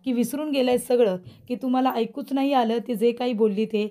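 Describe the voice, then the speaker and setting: A stern elder brother in a serial drama lectures and scolds, read by a woman narrator. The voice stays fairly high and mellow, with no change from her own. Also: fairly even intonation, brisk, natural voice. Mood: scolding. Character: angry grown man, stern elder brother.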